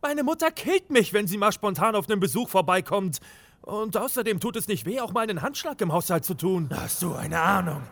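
A man's voice: high-pitched, brisk, creaky. Exasperated young man grumbling in a sketch. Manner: exasperated, grumbling, crude jokes, lively and theatrical. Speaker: comedy sketch creator. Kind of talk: comedic sketch monologue.

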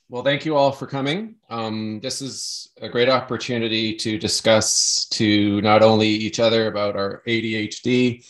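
Halting male podcast host. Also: medium pitch. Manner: halting, many restarts and fillers. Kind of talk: casual podcast chat.

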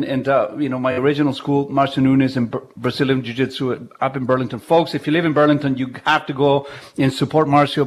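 Male radio host, high-pitched, casual and jokey, broadcasting from home. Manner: chatty, jokey, laughs often. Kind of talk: casual live radio talk. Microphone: video call.

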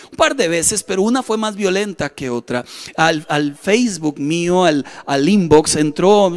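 High-voiced Costa Rican pastor preaching. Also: male voice. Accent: Costa Rican Spanish. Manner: storytelling, repeats phrases, acts out inner voices. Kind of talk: sermon.

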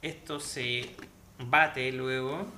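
Joking Chilean man, bright voice. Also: mid-range voice, fairly even intonation, very slow, slight background noise. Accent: Chilean Spanish. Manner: joking, crude, explanatory. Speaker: host mixing cocktails. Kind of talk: casual cocktail show chat.

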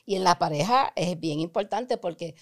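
A Puerto Rican woman hosting a casual psychology podcast chat, talking in a lively way and acting out the reactions she quotes. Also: fairly low pitch, moderate pace. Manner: animated, acts out quoted reactions.

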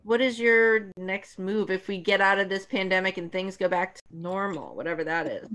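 A woman interviewing a guest, asking questions and giving warm, encouraging reactions. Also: medium pitch, normal speed.

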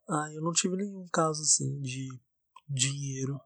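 Animated man telling a story. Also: a little high, slow pace, no room sound. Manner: animated storyteller, blunt and swearing. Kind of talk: casual chat.

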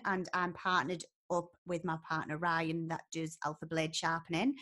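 A woman's voice: fairly low pitch, fairly bright tone. A woman chatting casually as a podcast host, in a breezy, jokey way.

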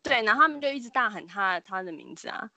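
A woman co-hosting a podcast, telling a story in casual chat and acting out the people in it with sudden loud cries. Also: mid-range voice, quick pace, dry recording. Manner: animated storyteller, acts out the people she quotes with sudden shrieks.

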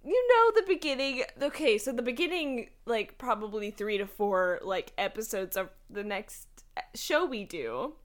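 A woman's voice: a little high, big pitch swings, a little slow. A woman co-hosting a casual podcast, chiming in with dry, teasing remarks. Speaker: podcast co-host. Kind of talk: casual chat.

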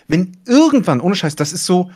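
A man who commentates esports, chatting casually and letting his voice deliberately rise and fall as he talks. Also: big pitch swings, a little mellow. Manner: deliberately rises and falls in pitch while telling. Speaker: esports caster. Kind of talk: casual podcast chat.

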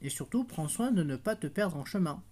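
A woman's voice: on the low side, animated, a little fast, mellow, slight background noise, natural voice. Storybook mother giving orders, firm and caring, read by a woman. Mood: instructive.

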